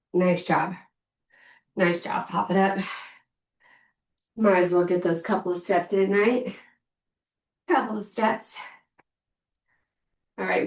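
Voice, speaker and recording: A woman leading a casual workout class, counting reps and repeating short, encouraging cues. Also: lowish voice. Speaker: fitness instructor leading a workout. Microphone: distant from the speaker. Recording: echoey room, distant microphone.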